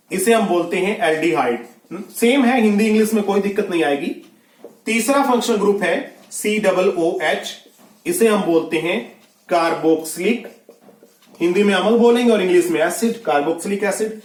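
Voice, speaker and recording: A man teaching a science class online, explaining step by step and often asking whether students have understood. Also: sits high. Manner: explains step by step, asks checking questions. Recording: echoey room.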